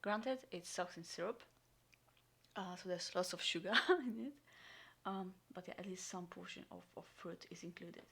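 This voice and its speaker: A woman vlogger unboxing and reviewing a military ration in casual talk, full of ums and sometimes dropping into a soft whisper. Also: lowish voice, moderate pace, gravelly, husky. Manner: chatty, frequent ums, drops into soft whispers. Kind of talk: casual unboxing and taste test.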